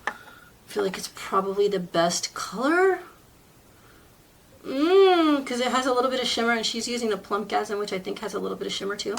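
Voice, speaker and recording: A woman's voice: a little high, expressive, fairly quick, gravelly. A woman chatting casually as a beauty vlogger at home, rambling through asides and poking fun at herself. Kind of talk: casual chat while doing makeup. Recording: voice a bit far from the mic, faint noise.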